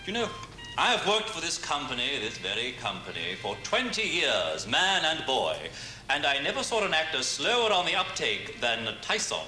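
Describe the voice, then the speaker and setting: An actor playing a middle-aged radio actor who drinks and sneers, with a theatrical drawl. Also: male voice, fairly high pitch, very animated, moderate pace, pushed and bright, echoey room, soft background music, full character voice. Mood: sneering. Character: boozy veteran male radio actor, pompous and mocking. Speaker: stage actor in a radio company.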